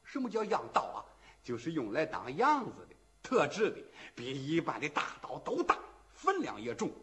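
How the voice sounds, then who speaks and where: A man's voice: fairly high pitch, wildly swooping pitch, moderate pace, bright, forceful tone. A middle-aged man performing traditional rhythmic storytelling, chanting rhyming verse and dropping humorous asides to his listeners.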